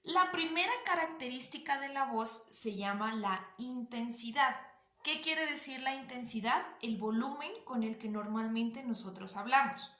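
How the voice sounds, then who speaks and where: A woman with a slightly nasal, high voice teaching a drama class, explaining and asking the listener questions. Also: moderate pace, fairly bright tone, echoey room. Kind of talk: online voice lesson.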